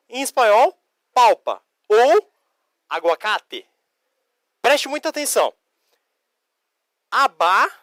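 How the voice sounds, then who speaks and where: A man from Curitiba in Brazil teaching Spanish vocabulary in a recorded lesson, explaining each word slowly, spelling out letters and answering imagined student questions. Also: sits high, a bit bright, dry recording, studio quality. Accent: Curitiba Brazilian Portuguese. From Curitiba, Paraná, Brazil.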